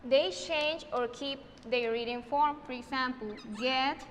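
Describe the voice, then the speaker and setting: A Venezuelan woman teaching English pronunciation, switching between Spanish and English and repeating each example word slowly and with emphasis. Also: high-pitched, long reverb tail, a little hiss or hum. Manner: slow, emphatic repetition of example words. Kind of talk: recorded online English lesson.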